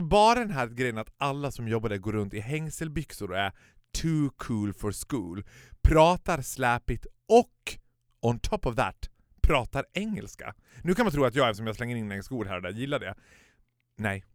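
A man chatting on a podcast, and his pitch leaps around as he tells a story. He slips English phrases into his talk. The sound is dry and close, with no room in it. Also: no room sound. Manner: animated storytelling, mixes in English phrases, mimics people. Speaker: podcast co-host. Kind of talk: casual chat.

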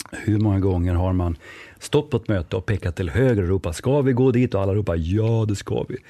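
A man's voice: deep voice, no echo. En man från norra Sverige med norrländsk dialekt som pratar i en podd och livligt spelar upp dialoger när han berättar. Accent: northern Swedish. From northern Sweden. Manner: lively storyteller, acts out dialogue. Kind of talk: podcast conversation.

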